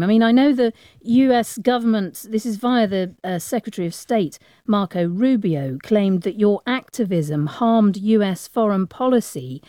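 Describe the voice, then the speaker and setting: A woman's voice: mid-range voice, dark tone, dry recording, clean studio sound. A woman interviewer asking probing, challenging questions in a broadcast news interview.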